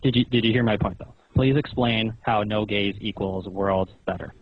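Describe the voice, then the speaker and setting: A lowish-voiced man speaking at normal speed with fairly even intonation questions and explains in an insistent, lecturing manner as the caller. The recorded phone call is muffled and roomy, with a little hiss or hum.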